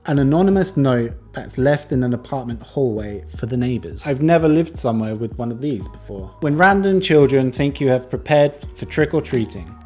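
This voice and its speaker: A young man chatting casually on his vlog, self-deprecating and jokey, dropping into quiet mutters for his asides. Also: medium pitch, expressive, normal speed, hardly any pauses, faint music behind. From Britain. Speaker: YouTuber reacting to a book.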